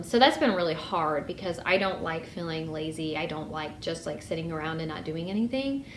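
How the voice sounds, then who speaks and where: A woman's voice: lowish voice, a bit bright, echoey room, a little hiss or hum. A young woman giving a casual vlog update, chatty with lots of ums and likes. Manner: chatty, frequent ums and likes, light laughs. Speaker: vlogger.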